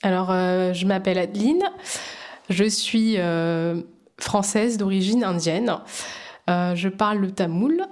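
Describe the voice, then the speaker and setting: A woman's voice: medium pitch, slow pace, a little mellow. A woman speaking as a podcast guest, telling her own story in a hesitant way, with many fillers and restarts. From Djibouti. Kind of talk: personal testimony in a podcast interview.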